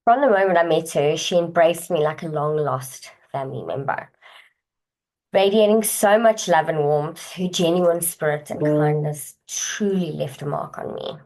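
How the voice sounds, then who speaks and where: A woman's voice: low-pitched, moderate pace, a little mellow, poor audio. A woman host giving an earnest, inspirational scripted narration.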